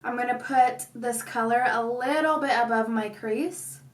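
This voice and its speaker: A woman's voice: on the high side, a little slow. A woman hosting a casual makeup tutorial, speaking with slightly odd, constrained articulation. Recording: echoey room, distant mic.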